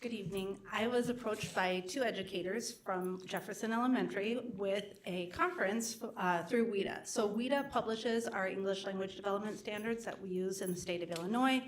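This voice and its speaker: A woman presenting to a school board, explaining a staff workshop request clearly. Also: medium pitch, slight background noise. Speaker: multilingual education coordinator.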